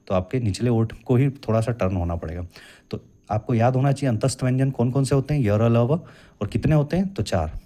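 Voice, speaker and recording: A man's voice: mid-range voice, dark tone. A young man teaching a classroom lecture as an exam coaching teacher, patiently explaining and drawing out sounds to demonstrate them.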